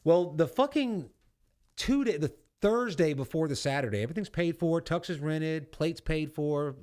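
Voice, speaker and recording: Speaking at normal speed, a man in his forties with a fairly high, darkish voice and lively intonation shares rambling Army stories full of swearing. A veteran podcast host, he chats casually and acts out what people said.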